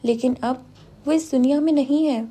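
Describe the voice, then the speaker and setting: A man's voice: very high-pitched, fairly even intonation, dark tone. A woman reading an audiobook, voicing a young man who teases his friend playfully. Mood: teasing. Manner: teasing, playful.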